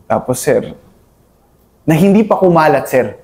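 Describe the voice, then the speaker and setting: A man's voice: a little high, sing-song, measured pace, darkish tone. A man from Cavite in the Philippines, an army officer, speaking earnestly as an interview guest and adding "sir" to nearly every phrase. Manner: earnest, mixes English into his talk. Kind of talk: candid interview talk.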